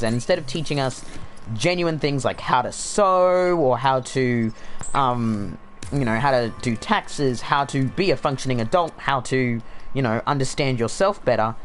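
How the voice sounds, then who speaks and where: A young man with a laid-back Australian accent and a mid-range voice chats while streaming a game, with slight background noise. He's a gaming streamer who rambles sardonically and uses lots of fillers.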